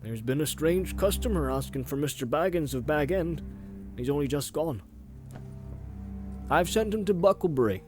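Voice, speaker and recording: A man voicing an elderly male hobbit gardener, talking slowly in a gruff, homely way. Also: a little high, animated, darkish tone, soft background music, lightly acted. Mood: uneasy.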